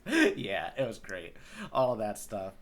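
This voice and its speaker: A man on the low side of the pitch range co-hosts a podcast, his pitch swooping wildly while he keeps a measured pace. In casual conversation about a manga arc, he rambles as he thinks aloud and often says "like."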